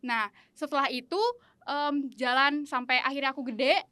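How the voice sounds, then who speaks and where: A young woman in her early twenties from a remote island region, chatting excitably as an interview guest. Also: high-pitched, moderate pace, no room sound. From Anambas Islands, Indonesia. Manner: excitable, talkative, lots of fillers. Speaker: interview guest, veterinary student. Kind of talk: casual interview chat.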